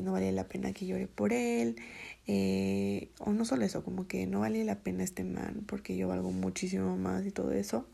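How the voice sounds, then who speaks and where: A woman in her twenties telling a personal story in a soft, hesitant way, often dropping to a half-whisper. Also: mid-range voice, vocal fry, slightly rough. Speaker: vlogger.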